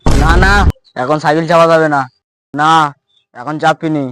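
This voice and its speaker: A man's voice: a little high, fairly even intonation, measured pace, noisy background, lightly acted. A man playing a cautious, firm father in a comic cartoon, giving short instructions.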